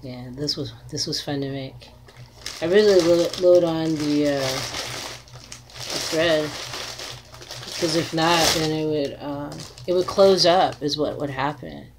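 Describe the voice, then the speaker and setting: A woman in her thirties chatting casually to camera in an unhurried, rambling way, as an artist showing her handmade crafts. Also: sits low. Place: small cluttered room indoors. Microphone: device mic at arm's length. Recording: noisy home webcam recording.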